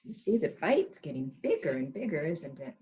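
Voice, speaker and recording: With a low-pitched voice, a woman reads a picture book to young children as their kindergarten teacher. She reads expressively and stops now and then to point things out and ask them questions.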